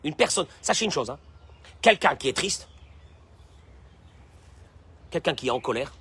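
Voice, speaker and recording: Speaking at a measured pace, a rabbi with a slightly high, expressive and fairly bright voice delivers a Torah lesson peppered with Hebrew quotes, with a little hiss or hum in the audio. He performs the complaining voices he describes. He's fond of rhetorical questions and of repeating phrases.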